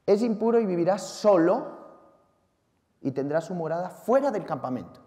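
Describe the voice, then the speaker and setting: Spanish priest, lively dramatic preacher, fairly high pitch, recorded in a reverberant church. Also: male voice, moderate pace. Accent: Spanish from Spain. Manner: lively, theatrical, shouts out acted cries, talks to listeners directly. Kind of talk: Sunday homily. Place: large church.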